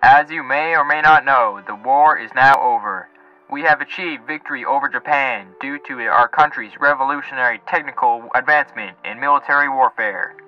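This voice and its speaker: A man's voice: medium pitch, moderate pace. A man narrating in the style of an old newsreel, with a declamatory, patriotic announcer delivery. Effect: old newsreel sound. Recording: dull lo-fi sound with faint music.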